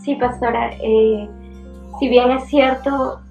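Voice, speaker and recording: A woman in her twenties, a young church leader, giving an emotional personal testimony in a halting way, with many fillers and restarts. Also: a little high, fairly even intonation, vocal fry, lo-fi sound, faint music behind. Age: 20s.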